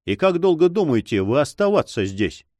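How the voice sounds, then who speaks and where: Man doing hot-headed young lover, fervent, pleading, expressive, dry close sound. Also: fairly high pitch, normal speed, no room sound, voice pushed up. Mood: ardent. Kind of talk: audiobook reading.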